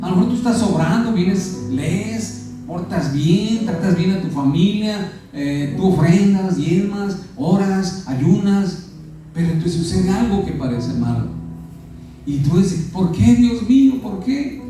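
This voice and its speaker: A pastor with a Mexican Spanish accent preaches a sermon in a church sanctuary, often putting questions to his congregation. His high voice is mellow and slow, with faint music behind it. The recording is echoey and from far off.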